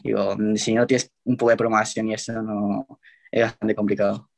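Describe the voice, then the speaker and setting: A young man with a Spain Spanish accent answers interview questions in a loose, rambling way, pausing on fillers. His voice sits low and stays flat in pitch. He sounds casual and unhurried. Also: creaky. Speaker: guest tiktoker.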